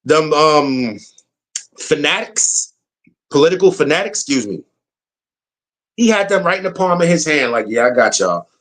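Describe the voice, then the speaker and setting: A man's voice: on the high side, expressive, a little slow, long pauses, fairly bright tone. Man, American accent, casual opinion rant, blunt, repetitive, emphatic. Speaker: political commentator.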